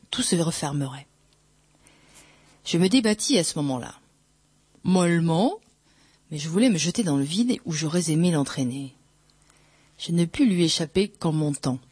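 Brief: audiobook reader, mid-pitched, unhurried first-person narration of a dark novel. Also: breathy edge, no echo.

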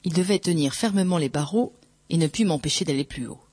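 A reader narrating a first-person literary novel aloud in a slow, measured, dramatic way. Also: mid-range voice, darkish tone, dry recording. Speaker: audiobook reader.

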